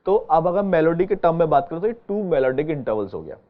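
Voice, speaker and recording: A man's voice: a little high, big pitch swings, fast talker. A man teaching an online keyboard lesson, explaining step by step and often checking that his students follow. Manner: patient, explaining step by step with frequent check-ins. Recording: dull lo-fi sound with keyboard playing behind.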